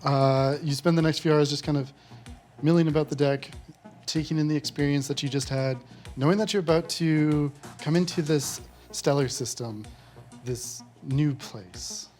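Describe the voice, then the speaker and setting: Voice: mid-range voice, normal speed, darkish tone. Casual game master with music behind. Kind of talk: improvised tabletop game narration.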